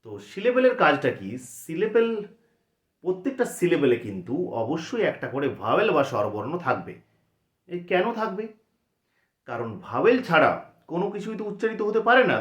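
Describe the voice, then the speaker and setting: A man teaching a lesson who says sounds over and over and asks questions that he answers himself. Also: on the high side. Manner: repeats sounds slowly, asks and answers his own questions. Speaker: English teacher. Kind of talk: classroom lesson. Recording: roomy echo.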